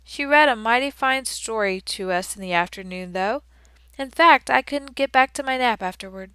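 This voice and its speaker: A woman narrating a children's audiobook in the first person as a classroom hamster, with expressive, playful storytelling and lively emphasis. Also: on the high side, normal speed, smooth, no echo.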